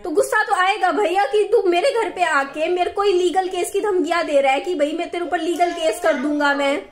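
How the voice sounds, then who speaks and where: A woman's voice: very high voice, a little fast. A young woman vlogging in a heated, defensive rant, repeating herself and near tears at times. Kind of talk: emotional vlog rant.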